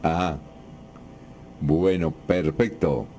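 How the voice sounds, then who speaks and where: Mellow radio host. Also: male voice, very deep voice, steady tone, drawn-out words, slight background noise. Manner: casual, reads out listener questions. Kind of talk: casual radio conversation.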